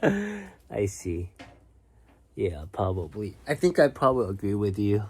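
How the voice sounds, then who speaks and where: This young Korean man streams from home at night, reading chat aloud in a relaxed late-night session. His voice is low, mellow and a little breathy, with a sing-song lilt and a measured pace. He's soft-spoken and musing, sometimes dropping to a whisper.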